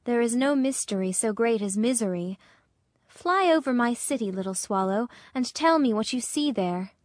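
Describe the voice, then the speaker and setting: A woman's voice: a little high, animated, normal speed, dry recording, studio quality, lightly acted. A woman voicing a compassionate male statue prince who talks in an earnest, pleading way. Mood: earnest, gentle. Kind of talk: storybook reading.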